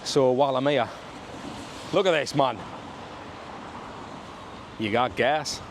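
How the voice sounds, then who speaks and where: This man takes his time, speaking slowly in a medium-pitched voice with a Sunderland accent while he walks and vlogs down a suburban street in the rain. His chat to camera is casual and matey, full of north-east slang, with traffic and street noise in the background.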